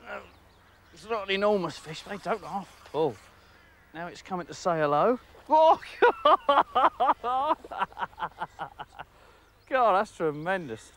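A middle-aged man with a slightly raised voice commentates his own fishing from a lakeside jetty. He is excitable, laughs often and talks straight to the fish. The sound is outdoor, close on a lapel mic. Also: sits high. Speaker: angling presenter.

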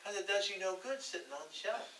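A man with a Texan accent preaching a sermon as pastor, folksy in manner, reading scripture slowly and drawing answers from the congregation. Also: high voice, noisy background. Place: church sanctuary. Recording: echoey church from far off.

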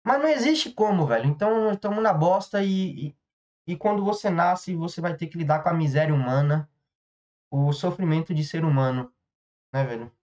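A man's voice: on the high side, moderate pace, a little mellow, slight background noise. A Brazilian man hosts a podcast alone in a rambling comedic monologue. He swears freely, strays off on tangents and stops himself in the middle of sentences. The sound is a little dull and lo-fi. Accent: Brazilian Portuguese. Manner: profane, rambling, self-interrupting. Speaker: podcast host.

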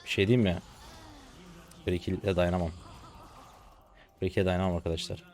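Hoarse guy in his 20s streaming a game, low voice, chatty and slangy. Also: fairly even intonation, darkish tone. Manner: rapid slangy chatter to viewers. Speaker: gaming streamer. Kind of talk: live gameplay commentary.

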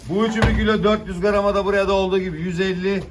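A man's voice: high-pitched, steady tone, very fast. A man working as a fish auctioneer, calling out weights and prices to buyers in repetitive formulas. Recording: distant mic, loud vehicle and handling noise.

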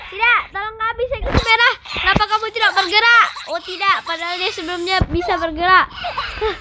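A performer voicing an excitable young game character in a role-play, crying out in frantic panic. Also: very high-pitched, brisk, heavy background noise. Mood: panicky.

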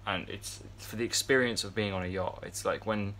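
A young man in his twenties, his voice on the low side and a bit bright, chats at a moderate pace with fairly even intonation. He's rambling to a phone camera at arm's length for a casual vlog, with lots of fillers and restarts, indoors in a yacht crew area with a fan close by and slight background noise.

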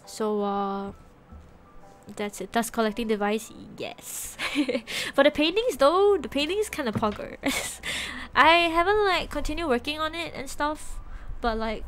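With faint music behind her, a young Singaporean woman streams from her small bedroom, her voice sitting high and fairly bright with big pitch swings and an unhurried pace. She speaks casually to viewers in a Singaporean English accent through a desk microphone and headset. Giggles come often, and she trails off partway through sentences.

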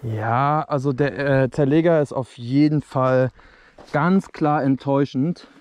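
A man's voice: mid-range voice, measured pace, darkish tone, slight background noise. A young man talking casually to his viewers while reviewing fireworks outdoors at dusk, recorded on an action camera. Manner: chatty, addresses viewers directly. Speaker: fireworks video host. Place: outdoors on open dirt ground at dusk.

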